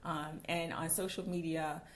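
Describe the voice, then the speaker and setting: A woman's voice: sits low, little pitch movement, unhurried, reverberant, slight background noise. A woman in her thirties hosting a podcast, chatty and prompting her guest, often repeating answers back. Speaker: podcast host. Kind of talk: casual interview.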